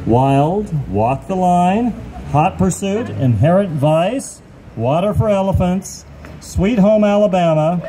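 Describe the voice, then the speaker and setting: A man announces at an outdoor ceremony in a slow, measured way, his voice high and swinging widely in pitch. A loud crowd and clear noise come through the PA. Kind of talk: formal introduction.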